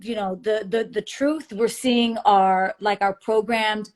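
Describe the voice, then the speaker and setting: A woman guest in a casual video chat, speaking haltingly with many restarts and fillers. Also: medium pitch, fairly even intonation. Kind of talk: casual conversation.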